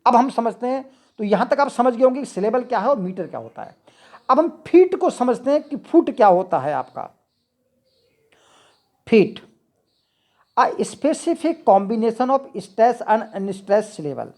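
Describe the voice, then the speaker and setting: A woman teaching an English poetry lesson, explaining each point slowly and repeating it, with English definitions mixed into her talk. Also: on the high side, big pitch swings, darkish tone. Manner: slow, repetitive, mixes English definitions into Hindi. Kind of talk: explanatory lecture.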